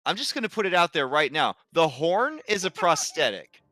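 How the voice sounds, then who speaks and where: A man's voice: a little high, sing-song, normal speed, sharp tone, dry recording, clean studio sound, faint music behind, voice pushed up. A man voicing an indignant, sassy female pony who rants emphatically in a tabletop game. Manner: emphatic, ranting.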